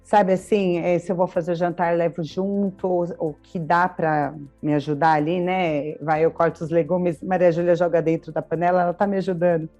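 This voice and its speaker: A woman's voice: fairly low pitch, flat delivery, moderate pace, hardly any pauses, warm tone, faint music behind. A woman in her thirties with a Brazilian Portuguese accent, co-hosting a podcast in casual chat, explaining with everyday examples and frequent tag questions. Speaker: podcast co-host.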